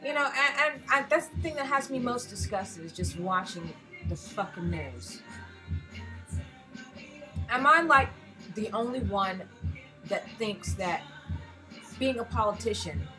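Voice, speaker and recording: A woman's voice: mid-range voice, animated, measured pace, over music, poor audio. An American woman in a casual personal rant, speaking frankly with heavy swearing and emphatic rhetorical questions. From United States. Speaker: vlogger, self-described erotic artist.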